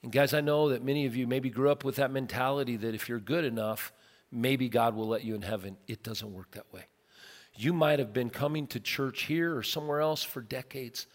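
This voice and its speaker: A middle-aged man, a pastor, preaching a casual, earnest sermon and telling stories, now and then breaking into loud bursts. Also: mid-range voice, brisk. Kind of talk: conversational sermon. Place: large church auditorium. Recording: long hall reverb from a big sanctuary.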